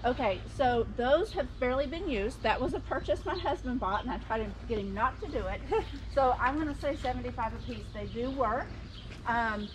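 A woman's voice: a little high, lively intonation, moderate pace. Friendly middle-aged woman selling at a garage sale. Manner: friendly, rambling with fillers. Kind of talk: casual chat. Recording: outdoor noise, somewhat distant.

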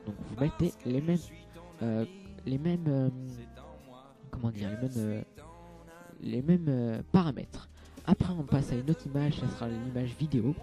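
A young man talks through a game setup in a casual tutorial. His voice is very dark and mellow, he stumbles over fillers and restarts often, and faint music plays underneath. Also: mid-range voice, a little slow, pauses often. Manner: hesitant, many fillers and restarts. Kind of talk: casual screen-capture tutorial.

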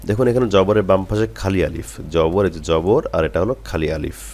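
Low-voiced patient teacher. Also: male voice, darkish tone, a little hiss or hum. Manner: patient and repetitive, drilling syllables slowly. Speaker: Quran reading teacher. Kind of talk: step-by-step recitation lesson.

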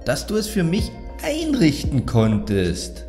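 A man voicing an insecure, fawning young man whose pitch rises at the end of each phrase. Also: huge pitch swings, slow, dark tone, soft background music, full character voice. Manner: rising sing-song pitch at phrase ends.

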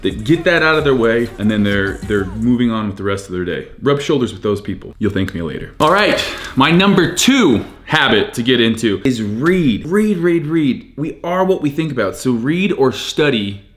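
A man's voice: medium pitch, moderate pace. Fitness vlogger, 30s male, punchy and repetitive, filmed close in a small room. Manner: energetic, emphatic, repeats key phrases. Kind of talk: casual motivational talk to camera.

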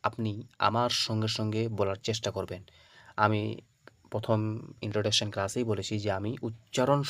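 A man teaching the Arabic alphabet for Quran reading. He calls out each letter loud and drawn out, then explains it softly, checking in with his listeners after every point. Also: fairly low pitch, dry recording. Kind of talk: Arabic alphabet pronunciation lesson.

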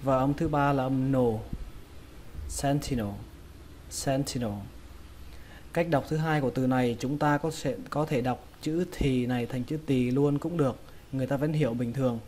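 A man teaching English pronunciation in a casual lesson, repeating each word slowly and carefully. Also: mid-range voice, fairly even intonation, darkish tone, a little hiss or hum. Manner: slow, drawn-out repetition of words.

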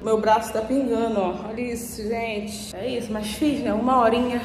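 A young woman with a Brazilian Portuguese accent, chatting casually to camera in an excitable, exclamation-filled way. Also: on the high side, normal speed, a little hiss or hum, low-quality recording. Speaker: vlogger. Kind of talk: casual vlog chat to camera. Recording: music playing underneath.

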